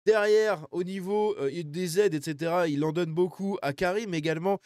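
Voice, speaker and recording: A man's voice: high-pitched, moderate pace, darkish tone, no room sound, clean studio sound. A man giving casual commentary on images he is showing, in crude slang with many fillers and joking asides. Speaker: video commentator.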